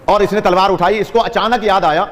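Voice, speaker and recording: A man's voice: sits high, steady tone, a bit bright. A man preaching at a religious gathering, telling a story with animation, chanting devotional phrases and urging listeners to stay awake. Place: large gathering hall with audience. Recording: long hall reverb.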